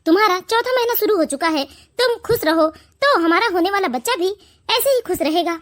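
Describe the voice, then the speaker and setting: A voice artist doing a gentle, placating cartoon husband. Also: very high-pitched, expressive, brisk. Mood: soothing. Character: mild-mannered young husband, soothing. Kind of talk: animated cartoon voice acting.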